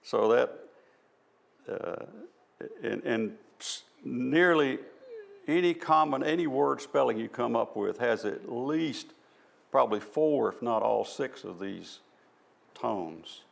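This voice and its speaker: Gravelly Southern man giving a talk. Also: mid-range voice, expressive, slow pace. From American South. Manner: folksy, self-deprecating, explains step by step. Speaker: presenter at a church. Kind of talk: informal presentation on language. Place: church hall.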